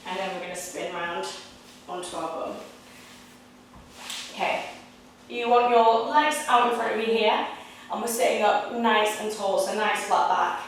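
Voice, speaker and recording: A young woman leading a Pilates workout, giving steady, encouraging step-by-step cues. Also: mid-range voice, a little slow, long pauses, recorded from a distance, a little hiss or hum. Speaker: Pilates instructor. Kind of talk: guided exercise instruction. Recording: echoey room, voice picked up from afar.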